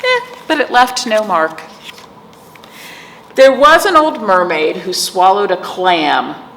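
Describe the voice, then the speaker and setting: Reading to young children as a storytime host and children's librarian, this woman speaks slowly at a medium pitch, with an expressive, slightly bright tone. Her sing-song reading is sprinkled with questions for the kids. Echo fills the room, and background noise is plainly audible.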